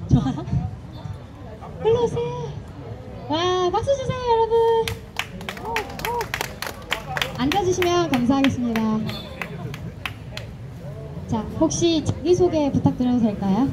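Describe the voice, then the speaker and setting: A woman with a high voice works the crowd as host of a street busking show. She is polite, chatty and coaxing, recorded outdoors amid crowd and street noise. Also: animated, measured pace, pauses often. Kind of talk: live crowd-work announcing.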